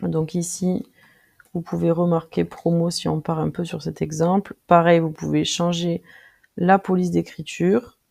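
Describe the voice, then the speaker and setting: Heavily gravelly, dark-voiced tutorial presenter. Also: mid-range voice, level tone. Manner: hesitant, frequent filler pauses while clicking through; friendly, addresses viewers directly. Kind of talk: casual screen-recorded tutorial.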